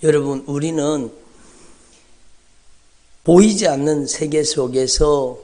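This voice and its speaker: A middle-aged male pastor preaching an impassioned sermon, acting out prayers and shouted cries, then dropping to hushed asides. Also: a little high, takes it slowly.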